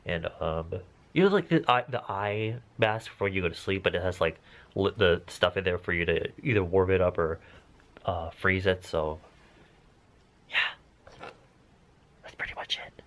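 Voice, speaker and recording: A low-voiced man vlogs casually to the camera at a normal pace, his tone a bit bright. He sounds congested and blocked-nosed after nose surgery, tossing in playful, campy asides.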